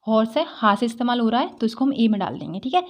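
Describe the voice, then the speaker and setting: A woman's voice: fairly high pitch, lively intonation, quick pace. A woman teaching English grammar, explaining step by step, asking rhetorical questions and checking in with "theek hai".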